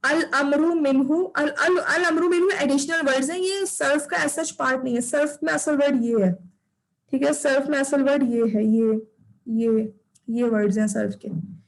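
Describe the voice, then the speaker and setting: A woman's voice: high-pitched, normal speed, gravelly, poor audio. A woman teaching an online class, patiently drilling recitation and repeating her corrections over a video call.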